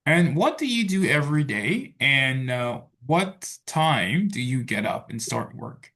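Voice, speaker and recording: A man teaching an English class, talking in a relaxed way full of fillers like "so" and "okay". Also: medium pitch, a little slow. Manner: relaxed, filler-heavy, says "so" and "okay" a lot. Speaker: English tutor. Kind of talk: online tutoring class.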